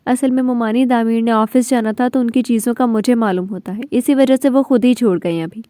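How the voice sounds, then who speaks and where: A gentle, cheerful young wife, voiced by a woman narrator in a storybook reading. She speaks softly and reassuringly. The voice is fairly high and mellow. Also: fairly even intonation, a little fast, no echo, clean studio sound, close to an everyday voice. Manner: soft, reassuring.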